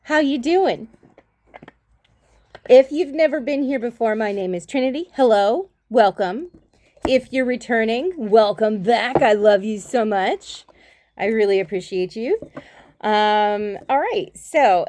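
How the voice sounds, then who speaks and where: A woman's voice: on the high side, unhurried, darkish tone. A woman giving a tarot reading in a casual, chatty livestream, affectionate and rambling as she sets up, speaking into a phone. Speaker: tarot reader.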